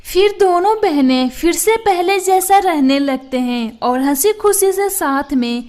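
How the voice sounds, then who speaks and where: A woman tells a children's cartoon story in a calm, even narration. Her voice is high, and she paces it slowly for young listeners.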